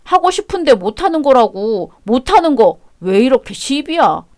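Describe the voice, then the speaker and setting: A selfish husband in a radio drama, stingy and quick to brush off complaints, as a woman reads him. The voice sits fairly high. It is recorded close and dry, with no room sound. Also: very animated, darkish tone, no echo. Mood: dismissive. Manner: dismissive, irritated arguing. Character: selfish stingy married man, defensive.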